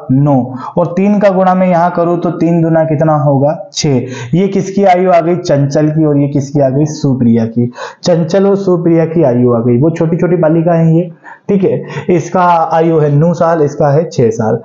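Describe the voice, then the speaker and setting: A man's voice: a little high, mellow, echoey room, dull audio. A man in his forties teaching an exam-prep math lesson, asking the class questions and answering them himself. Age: 40s.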